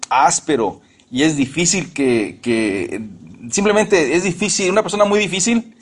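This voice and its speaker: A man's voice: fairly high pitch, breathy edge. A middle-aged man preaching a sermon in a church, emphatic and often repeating or restarting his phrases.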